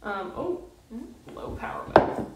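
A young woman reading out viewer questions to her friends in a bubbly, quizzing way. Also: measured pace. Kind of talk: casual group chat on a livestream. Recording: echoey room, far from the mic, background noise.

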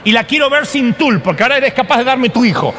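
A man preaching, acting out an outraged young husband who has been tricked, with loud, exasperated outbursts. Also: very high voice, lively intonation, fast, very noisy, voice pushed up. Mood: demanding. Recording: long hall reverb.

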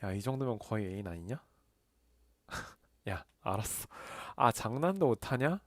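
A young man in a soft whispered role-play, playing a male friend who teases and comforts her on a late-night phone call. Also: lowish voice, sing-song, measured pace, no room sound. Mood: teasing, encouraging. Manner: playful teasing banter, soft and close. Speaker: ASMR creator.

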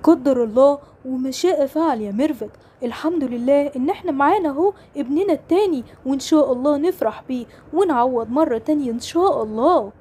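A woman plays a young Egyptian father in a homemade game drama, consoling and earnest. He talks quickly and repeats himself. The voice is high and mellow rather than bright. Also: lively intonation. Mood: shocked, consoling. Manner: earnest, comforting, fast and repetitive. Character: young father grieving his lost twin son. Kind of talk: toy-game role-play drama.

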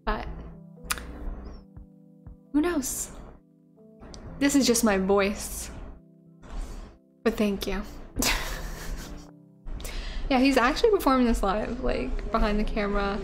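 A young adult woman streams from her living-room couch into a studio mic on a stand, chatting and rambling casually with lots of "likes" and "ums". Her voice is a little high, slow, and full of pauses, with faint music behind her.

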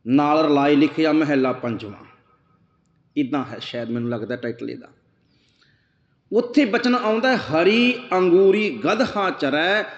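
A man giving a Sikh scripture sermon. He chants verses and then explains them plainly. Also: a little high. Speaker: Sikh preacher. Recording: echoey hall, dull lo-fi sound.

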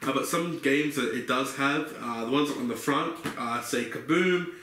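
A man's voice: mid-range voice, moderate pace. Young aussie guy chatting about his gifts, lots of uhs, roomy echo and a bit of hiss. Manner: relaxed, rambling, many fillers. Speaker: vlogger. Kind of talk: casual haul video. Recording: echoey room with faint noise.

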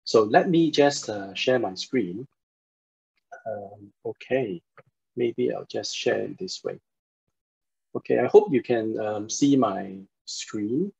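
A man's voice: lowish voice, expressive, slow, vocal fry, darkish tone, slightly rough. A man in his forties from Singapore, giving an online university lecture, polite and hesitant with many fillers, heard through a computer mic on a video call. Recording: dull lo-fi video call audio.

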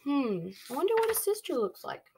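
A preschool read-along storyteller, this young woman has a high, sing-song voice with a dark tone and a fairly quick pace. Indoors in a small, dim bedroom, she reads a picture book to young children, pausing to explain and ask questions.

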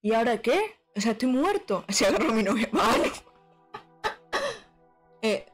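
A woman, giving excitable let's-play commentary on a horror game and chanting repeated words. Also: fairly high pitch, a little slow, soft background music. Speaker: gaming YouTuber.

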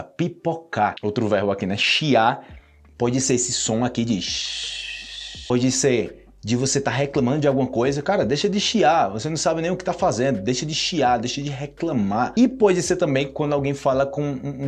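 A man's voice: medium pitch, moderate pace, husky. A man from Brazil with a Brazilian Portuguese accent, giving a casual, playful video lesson and acting out sounds as he explains words. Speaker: Portuguese teacher.

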